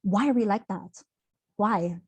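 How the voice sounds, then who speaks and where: At a measured pace, the young woman leading the online workshop talks in an open, sincere, chatty way with relaxed fillers. Her voice is middle-pitched, a little mellow, and slightly rough. The recording is dry and close, like a video call, without echo.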